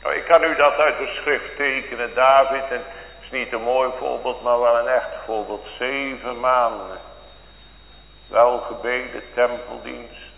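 A man's voice: medium pitch, steady tone, measured pace, vocal fry, fairly bright tone. A male pastor preaching a sermon to his congregation with fervent, old-fashioned biblical phrasing. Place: church. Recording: echoey church hall with faint hum.

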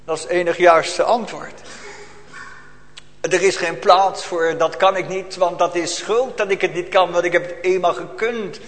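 A man's voice: sits high, fairly even intonation, normal speed. Solemn preacher man in echoing church. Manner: solemn, urgent preaching with rhetorical questions. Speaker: pastor. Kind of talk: sermon. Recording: long reverb of a church hall.

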